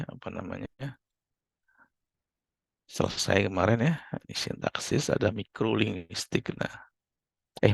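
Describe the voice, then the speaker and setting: Man, Indonesian accent, university lecturer, patient repetitive explaining, gravelly fry, dry close sound. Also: on the low side, dry recording. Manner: explains patiently, repeating key terms with many fillers. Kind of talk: online class lecture.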